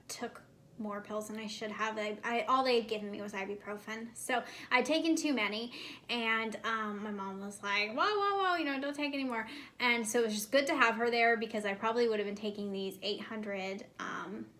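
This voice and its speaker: A woman's voice: medium pitch, bright, forceful tone. A young American woman chatting casually to camera as a vlog host, giving advice with emphatic repetition, her speech slightly impeded by a swollen mouth. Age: young adult. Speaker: host of a pregnancy-prep vlog.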